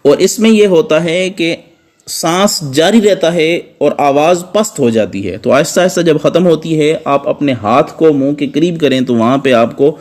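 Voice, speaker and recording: A man teaching a recitation lesson, patiently explaining and repeating sounds slowly so students can copy his pronunciation. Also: fairly high pitch, darkish tone. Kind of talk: step-by-step tajweed lesson.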